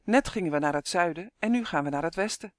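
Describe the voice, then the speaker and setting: Casting: a man playing an earnest young boy, fairly high, steady storybook tone, close dry recording. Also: fast, no room sound. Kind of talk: audiobook character voice.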